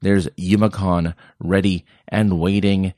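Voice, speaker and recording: A man's voice: low-pitched, little pitch movement, slow pace, warm tone, no echo, studio quality. A young man hosting a podcast, reading out a list of upcoming events in a chatty, joking way and tripping over place names now and then. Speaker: podcast host.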